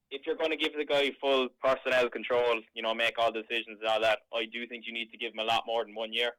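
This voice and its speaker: Clear, bright, low-voiced Cork Irishman. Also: no room sound, low-quality recording. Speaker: sports podcast co-host. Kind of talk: casual sports discussion.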